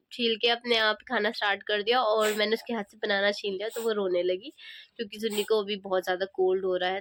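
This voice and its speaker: A woman's voice: medium pitch, fairly bright tone. A young woman chatting casually to her viewers in a family vlog, sounding sleepy and tired. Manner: chatty, addresses viewers as guys. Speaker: vlogger.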